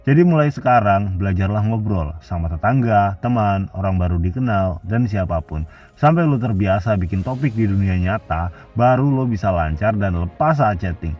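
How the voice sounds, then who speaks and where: A man's voice: on the low side, animated, moderate pace, recorded from a distance, muffled recording, soft background music. A man giving blunt, casual dating advice as a scripted voice-over. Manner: blunt slangy Jakarta-style casual talk.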